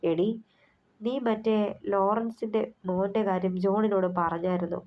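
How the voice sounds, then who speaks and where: A woman's voice: mid-range voice, steady tone, a little slow, close to an everyday voice. A woman voicing an older mother who presses her family about a marriage proposal, in a persuasive, motherly way. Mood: urging. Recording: slightly muffled recording.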